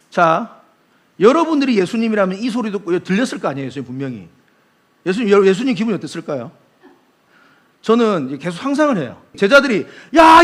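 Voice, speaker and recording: Animated Korean pastor preaching dramatically. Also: male voice, sits high. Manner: dramatic, acts out quotes with sudden loud and soft swings. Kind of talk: sermon. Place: church sanctuary.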